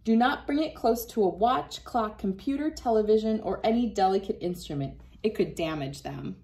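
This clip has a medium-pitched, somewhat dark voice moving at a moderate pace. The speaker is a woman in her thirties who reads from a science book, shows things to children, and addresses young viewers encouragingly. She is indoors in a small wood-panelled room near a window, captured by a device camera roughly an arm's length off.

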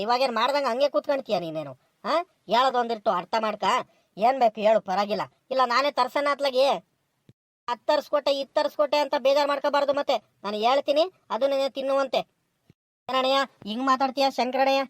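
Cartoon role: impatient male foreman, voiced by a woman, scolding, quick, slightly high. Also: dry recording, lightly acted. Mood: insistent. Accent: rural southern Karnataka Kannada. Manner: brisk, scolding and bossy. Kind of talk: village comedy cartoon dialogue.

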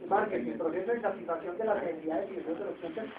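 A man's voice: high voice, quick pace, background noise. A man with a Colombian accent giving an emphatic business lecture, who keeps asking the audience rhetorical questions. He sounds far from the mic, with a tinny, echoey tone. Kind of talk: classroom lecture. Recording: distant echoey phone-like sound.

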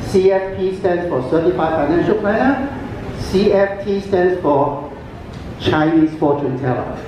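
With a high voice, an older native Cantonese speaker does chatty stand-up as a talent show contestant, leaning on pauses and fillers. A camera far back in the cruise ship's big atrium records his handheld mic booming through the PA, amid background noise.

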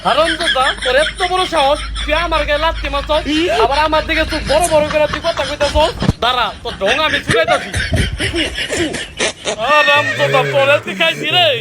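A squeaky scolding father. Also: fairly even intonation, a little fast, heavy background noise. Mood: angry. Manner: yelling, cursing scolds. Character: short-tempered scolding father.

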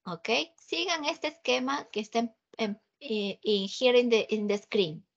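A woman's voice: on the high side, animated, unhurried, gravelly, muffled recording. A woman with a Peruvian Spanish accent teaching English over a video call, patiently repeating herself and checking that students understand. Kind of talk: online class, mixing Spanish and English.

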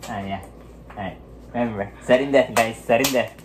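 A man's voice: medium pitch, moderate pace. A young man hosting a casual home video, teasing his friend and laughing often during a game. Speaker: vlogger. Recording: echoey room, distant mic, background noise.

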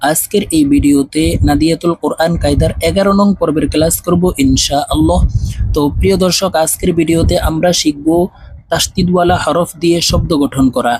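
Man, Bangladeshi Bengali accent, husky voice, slightly high pitch, slow drawn-out spelling lesson. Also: a little mellow, rough recording. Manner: slow, drawn-out recitation of syllables. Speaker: Quran reading teacher. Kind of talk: spelling out Arabic letters for learners to repeat.

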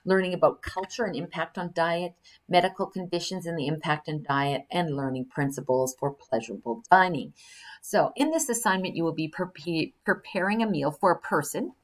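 A woman's voice: on the low side, moderate pace. An older woman teaching a recorded screen-share lesson, explaining an assignment step by step and reading instructions aloud, with fillers and self-corrections. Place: indoors at a computer.

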